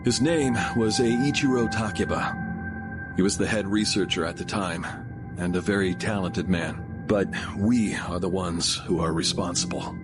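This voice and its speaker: A man's voice: low voice, normal speed, loud music behind the voice, close to an everyday voice. A man playing a grave, middle-aged father and corporate head in a video game drama, speaking formally and solemnly with regret. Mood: grave, insistent. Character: grave remorseful wealthy father heading a corporate group.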